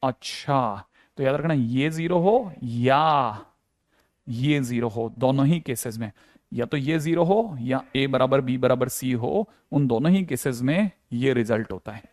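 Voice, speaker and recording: A man's voice: medium pitch, a little slow, darkish tone, no room sound, studio quality. A man teaching a maths class, playful and repetitive, talking straight to his students. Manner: playful, repeats key phrases, addresses students directly. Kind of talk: classroom lecture.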